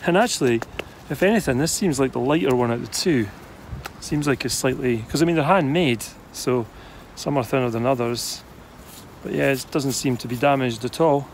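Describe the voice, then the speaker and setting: A Scottish man chats casually to the camera as he digs for old bottles at an outdoor site, thinking aloud with plenty of enthusiasm, and he's out of breath at times. His mid-range voice moves at a moderate pace over slight background noise. He's a bottle digger and vlogger.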